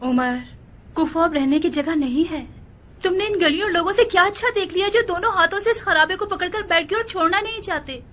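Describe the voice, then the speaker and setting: An actress playing a proud, exasperated wife and mother in a dubbed historical drama, sharp and reproachful. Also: extremely high pitch, brisk.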